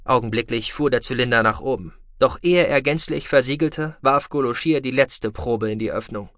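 A man reading science-fiction audiobook narration in a steady, measured way. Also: medium pitch, no echo, studio quality.

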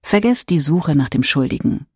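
A man reading a parenting text in a calm way, speaking straight to the listeners. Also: fairly high pitch, moderate pace, husky, dry recording, studio quality. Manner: calm, addresses listeners directly. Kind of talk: scripted reading.

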